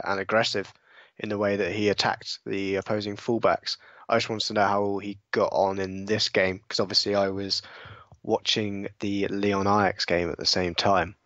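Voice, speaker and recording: A man joins a football podcast as a guest and asks his question hesitantly, stopping often for ums. His voice is on the low side, and the recording is dry and somewhat dull, lo-fi. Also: fairly bright tone, no room sound. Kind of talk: casual podcast conversation.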